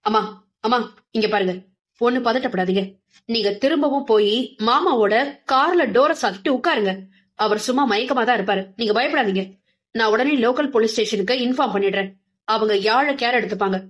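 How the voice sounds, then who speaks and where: A woman's voice: a little high, fairly quick, natural voice. A woman voicing a grown son who speaks sharply and urgently to his mother, in a clipped, commanding way. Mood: steadying. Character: anxious, short-tempered grown son.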